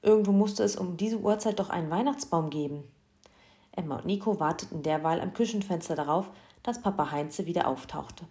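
A woman reading a children's story aloud in a lively, expressive way. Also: lowish voice, a little fast.

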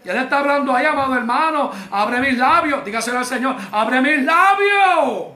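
Man, preacher, sermon, very high voice, exhorting, shouts now and then, echoey church. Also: fast. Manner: fervent, exhorting, repeats "amado hermano", bursts into shouts.

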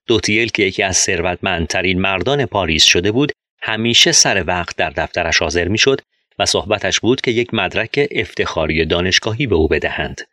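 A man narrating a short story in a steady, measured reading voice. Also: low voice, dry recording, studio quality. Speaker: audiobook narrator.

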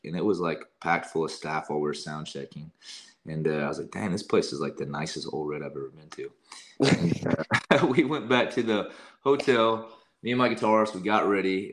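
A young man, a singer and guest, telling stories in a casual interview and often quoting himself. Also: low voice. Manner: lively storyteller, quotes himself often.

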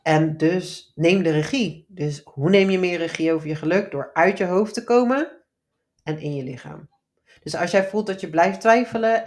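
A young adult woman hosting a solo podcast as a life coach, talking in an earnest, encouraging and direct way. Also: deep voice. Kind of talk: casual solo podcast monologue.

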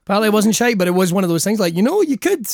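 A man's voice: high voice, big pitch swings, rapid-fire, gravelly, a little mellow, dry recording, clean studio sound. A Scottish man chatting casually, telling jokey, sweary anecdotes and acting out the lines he quotes. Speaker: wrestling commentator and guest.

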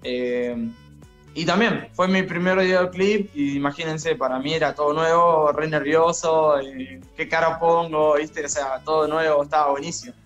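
Young man, shy, earnest, slightly high voice. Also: steady tone, moderate pace, fairly bright tone, highs cut off, faint music behind. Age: young adult. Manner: shy but friendly, earnest. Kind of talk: casual interview chat.

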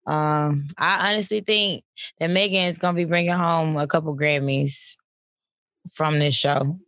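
A woman's voice: low voice, steady tone, a little slow, fairly bright tone, no echo. A woman co-hosting a podcast, steering the casual chat and calling on each host. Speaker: podcast co-host running the ballot. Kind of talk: casual award-picks chat.

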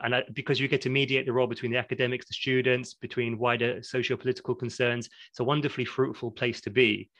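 A podcast guest, an academic in learning development, speaks reflectively and at length in a conversational interview, laughing lightly as he explains ideas. He has a medium-pitched, slightly bright voice, recorded with no echo.

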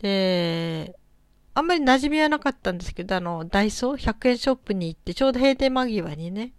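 A middle-aged woman talks alone to her listeners in a relaxed, musing way, pausing often on soft fillers as she thinks. Her voice is mid-pitched and very dry, close to the mic with no room sound. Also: no room sound. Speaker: solo podcast host. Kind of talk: casual solo talk.

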